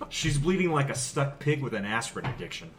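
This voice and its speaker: A man's voice: medium pitch, sing-song, a little fast, a little hiss or hum. A man hosting a comedy movie-review podcast, talking in a mock-earnest, joking way and often laughing. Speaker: podcast host.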